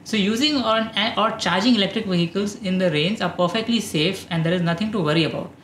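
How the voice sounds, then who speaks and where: A man in his thirties with an Indian English accent, calmly explaining as the host of an explainer show. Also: sits high, fast talker, echoey room, slight background noise. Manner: calm, informative, steady delivery. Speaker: EV channel host. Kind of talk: explainer talking to camera. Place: dark studio, indoors.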